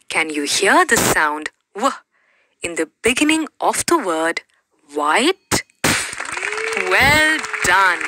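A woman narrating a phonics lesson for preschool children, drawn-out and encouraging. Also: noisy background. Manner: exaggerated, drawn-out and encouraging, with big pitch swings. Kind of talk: slow, sing-song phonics narration for young children.

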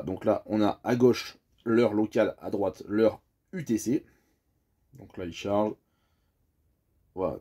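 A man's voice: on the low side, dark tone. A man from France casually explaining, step by step, how a piece of driving equipment works, chatty and full of hesitations. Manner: friendly, chatty, hesitant with many fillers. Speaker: bus driver explaining a tachograph.

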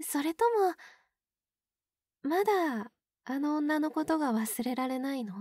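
A woman's voice: high-pitched, slow, a little mellow, no echo, clean studio sound. A woman playing an obsessive, possessive yandere captor in a Japanese ASMR role-play, cooing and coaxing as if to a pet. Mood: soothing, possessive. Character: obsessive yandere older-sister type, sweetly possessive captor.

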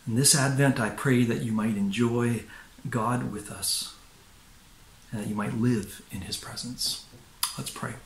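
An older man preaches a gentle sermon from his living room, pausing often and restarting his sentences. His voice has a gravelly fry, and the home room sounds echoey around him. A faint hiss sits under the recording. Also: medium pitch, fairly even intonation. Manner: halting, many fillers and restarts. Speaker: pastor.

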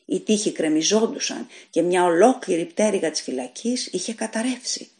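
In a fairly low voice, a woman reads a short story aloud at a steady, deliberate pace. Her measured, dramatic delivery sounds like that of a practiced audiobook narrator.

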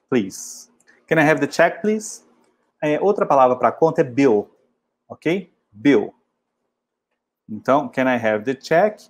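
A man from Brazil, teaching travel English in a casual way and repeating model phrases slowly. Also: medium pitch. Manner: slow, drilled model phrases in English between casual explanations.

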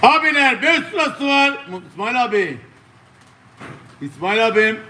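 A man's voice: very high-pitched, very animated, unhurried, sharp tone, slight background noise. A man with a southeastern Turkish accent working as an auctioneer, calling bids to online viewers in repetitive patter and addressing bidders over and over.

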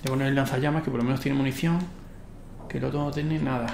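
A man with a Spain accent and a gravelly, medium-pitched voice gives casual game commentary. He mutters and swears as he goes, in an echoey sound with music behind. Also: level tone, fast, a little mellow, slight background noise. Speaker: gaming streamer. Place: indoor room at home.

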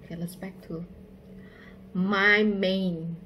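A woman's voice: medium pitch, fairly even intonation, slow, bright, forceful tone. A woman in her twenties with an Indonesian accent, chatting casually to the camera as a reaction vlogger. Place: small bedroom, indoors. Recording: noticeable background noise.

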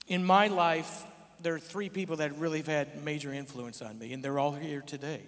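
A middle-aged man talks with playful, emphatic energy, then sincere feeling, about his closest friends. His voice is somewhat high. A long reverb fills the large church auditorium around him. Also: fairly even intonation, moderate pace. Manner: playful teasing, emphatic, emotional. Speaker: church member giving tribute. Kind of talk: joking then heartfelt tribute speech. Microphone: handheld mic, standing on stage.

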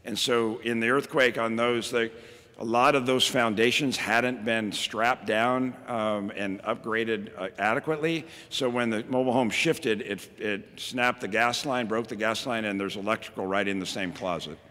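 A middle-aged man, the county emergency services director, delivers a plainspoken keynote from a podium mic in a large, reverberant hall and then takes audience questions. His voice is medium-pitched and sharp at a normal speed, and he often says "um" and restarts his sentences.

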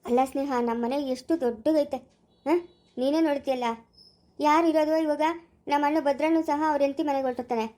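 A performer with a Chikkaballapura Kannada accent playing a young husband in a family home drama skit, talking in a soft, low-key, coaxing way. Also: steady tone, fast, close to an everyday voice. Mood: soothing. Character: young husband, soothing and reassuring.

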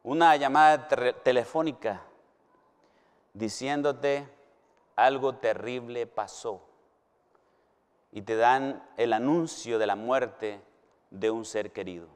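A middle-aged Mexican pastor preaching slowly and emphatically, his clear, resonant voice sitting a little high for a man. He leans on long pauses and swings between raised, ringing lines and hushed ones. The sound trails off into the long reverb of a large hall. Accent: Mexican Spanish. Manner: slow, emphatic preaching with dramatic pauses and swings in pitch and volume. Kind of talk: sermon. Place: university hall or chapel.

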